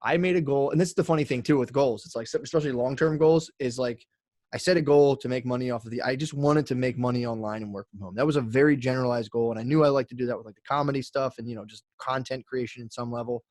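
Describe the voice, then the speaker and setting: A man's voice: medium pitch, quick pace, a little mellow, no room sound, studio quality. A man in his thirties, a podcast guest talking in a rambling casual way with many fillers. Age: 30s.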